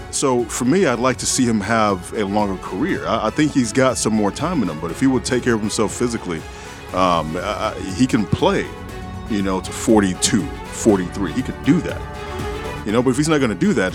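A man with a deep, low magnetic voice talking casually about sports as a podcast co-host. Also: animated, fairly quick, over music.

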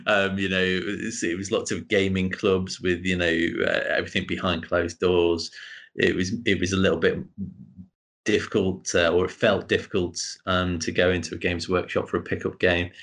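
Deep-voiced man chatting as a guest. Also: moderate pace. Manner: relaxed, hesitant with fillers and laughs. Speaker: podcast guest. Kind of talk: casual podcast chat.

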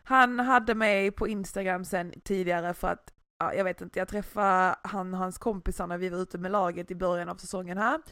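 A young woman chatting casually, telling a story with lively acted-out quotes. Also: lowish voice, no room sound, studio quality. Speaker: podcast co-host. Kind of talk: casual chat.

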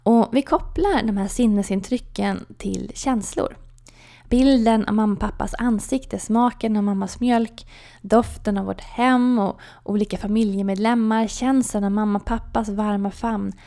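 Gravelly-voiced woman coach telling a story. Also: mid-range voice. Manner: calm, storytelling delivery with soft whispered asides. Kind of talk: personal anecdote and explanation.

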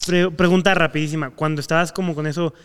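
A young man with a Mexican accent hosting a podcast, asking questions and talking in a relaxed, slangy way. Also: a little high, fast, clean tone, long reverb tail. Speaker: podcast host. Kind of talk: casual chat.

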